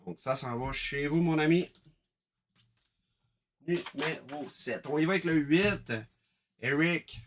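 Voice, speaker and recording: A man with a Quebec French accent hosting a live card-break stream, chatting briskly and calling out each card as he opens packs. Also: on the high side, slight background noise.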